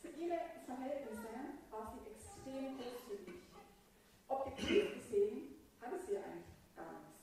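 A woman preaches a sermon in an earnest, conversational way and drops in casual words. Her voice sits fairly high and rings around a very echoey church hall. She sounds distant from the mic, with faint noise behind her. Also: dark tone.

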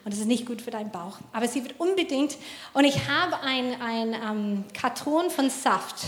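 A woman with a high, bright-pitched voice tells a lively parenting story in a casual faith talk. She laughs often and her German is slightly broken. The recording has a roomy, echoing sound. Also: moderate pace. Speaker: mother telling a parenting story. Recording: roomy echo.

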